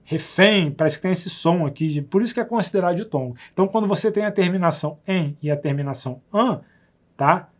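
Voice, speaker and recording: A man's voice: sits high, fast talker. A man with a Brazilian Portuguese accent teaching a grammar lesson, patiently repeating example words and checking that the viewer follows.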